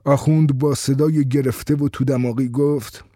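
A man reading a first-person story in a steady, conversational storytelling way. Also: medium pitch, dry recording, studio quality.

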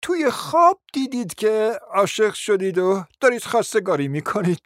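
A performer voicing a young man, a suitor, explaining in a soft, measured way in a radio play. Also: medium pitch, sing-song, dry recording, clean studio sound. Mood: calm. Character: young male suitor, calm and reasoning.

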